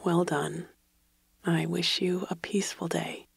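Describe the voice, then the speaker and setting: Whispered meditation guide, gravelly and breathy, slow and calm. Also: mid-range voice, no echo. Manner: slow soothing whispered guidance.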